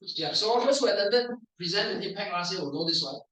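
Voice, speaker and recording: A man with a Singaporean accent who evaluates language at a speaking club, coaching the room on pronunciation in a playful way and drilling words aloud slowly. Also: high-pitched, lively intonation, bright, forceful tone, recorded from a distance. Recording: echoey room, voice from off the mic.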